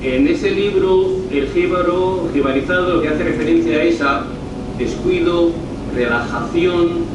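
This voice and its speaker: A middle-aged man with a northern Spanish accent, a university lecturer from northern Spain, gives a deliberate, informal presentation in which he keeps repeating and rephrasing. His voice is a little high and the audio sounds dull. He was captured from afar in a very echoey lecture room, with a distant mic and clear noise.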